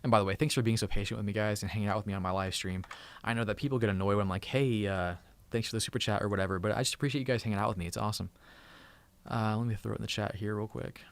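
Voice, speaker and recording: Streaming live for his tech channel from home, a man in his thirties talks casually and gratefully with viewers, frequently restarting and repeating himself. He speaks rapid-fire in a lowish voice with fairly even intonation and vocal fry.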